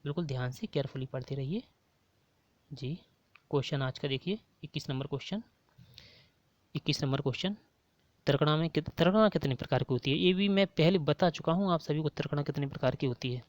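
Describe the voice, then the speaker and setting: A man's voice: a little high, a little fast, no echo, highs cut off. A man with a Hindi accent giving an online exam-prep lesson, repeating each question and prompting viewers to answer.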